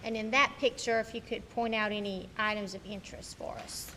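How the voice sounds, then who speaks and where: A woman, questioning a witness in a courtroom recording, speaking in a steady, methodical way with frequent ums. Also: mid-range voice, a little fast, low-quality recording. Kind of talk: courtroom examination. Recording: courtroom recording with clear room noise.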